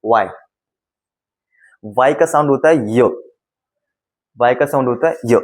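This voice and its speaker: A young man, an English teacher giving a phonics lesson, saying each sound slowly and repeating it several times. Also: medium pitch, poor audio.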